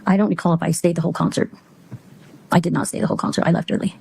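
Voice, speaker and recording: Gravelly woman witness on courtroom recording. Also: on the low side, flat delivery, very fast, a little mellow, slight background noise. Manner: short guarded answers. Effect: courtroom recording played back. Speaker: witness under cross-examination. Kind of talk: courtroom testimony.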